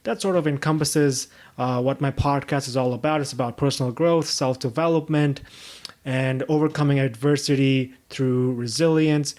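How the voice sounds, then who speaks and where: A man's voice: medium pitch, steady tone, normal speed, a little mellow. A young man from Pakistan hosting his own podcast, talking earnestly and reflectively about his life, with many fillers and restarts. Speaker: podcast host. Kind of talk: reflective solo podcast monologue.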